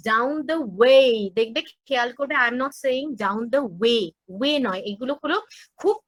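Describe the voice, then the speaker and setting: A woman teaching children to sing over a video call. She sings lines slowly, then explains pronunciation quickly in mixed with English. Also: high voice, pushed and bright, no echo. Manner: drills English pronunciation line by line. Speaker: singing teacher. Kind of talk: online singing lesson for children.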